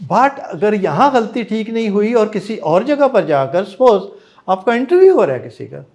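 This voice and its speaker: A man with a Pakistani accent coaching a class in a noticeably high voice. He gives encouraging feedback and slips English phrases into his Hindi-Urdu. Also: sing-song, moderate pace, darkish tone. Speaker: trainer.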